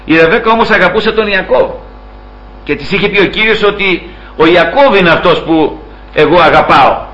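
High, bright-voiced animated male preacher. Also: dull audio. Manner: acts out quoted dialogue with raised pitch, laughs while telling. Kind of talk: storytelling sermon.

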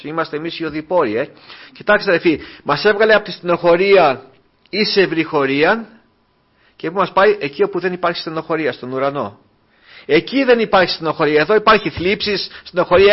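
A man preaching a sermon, earnest and repetitive, moving from soft, quiet asides to raised, urgent exhortation. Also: on the high side. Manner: repeats refrains, addresses listeners as brothers. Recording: dull lo-fi sound.

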